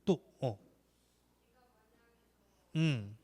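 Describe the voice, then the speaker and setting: A young man preaching to children, telling a story in an animated way and asking them questions as he goes. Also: mid-range voice, very slow, husky.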